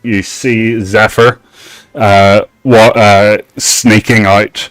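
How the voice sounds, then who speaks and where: A man running a tabletop game as game master, narrating with lots of fillers and halting restarts. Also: lowish voice, little pitch movement, a bit bright, no echo, low-quality recording. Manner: halting, filler-heavy, laughs easily.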